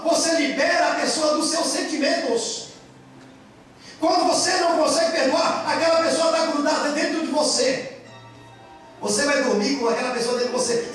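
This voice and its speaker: A man preaching a sermon as pastor, impassioned, swinging between loud and soft. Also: very high-pitched. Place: church hall in Japan. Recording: very echoey church hall, far from mic, faint music.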